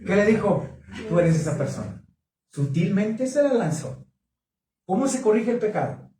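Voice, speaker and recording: A man preaching at a marriage conference, questioning the congregation in an animated way. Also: high voice, moderate pace, slight background noise. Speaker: pastor. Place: church hall. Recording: echoey hall, mic from a distance.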